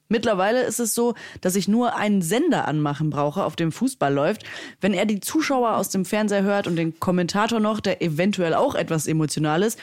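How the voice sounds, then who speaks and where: A woman's voice: medium pitch, darkish tone, no room sound. A woman on a podcast who teases and jokes in casual chat and reads listener mail aloud. The sound is dry and close, with no room around her.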